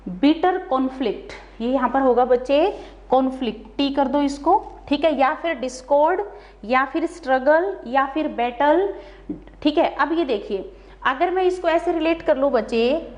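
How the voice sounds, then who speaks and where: Haryana lady teacher going over words slowly, echoey classroom sound. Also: sits high, darkish tone. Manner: explains patiently, checks with "clear?". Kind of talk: vocabulary lesson.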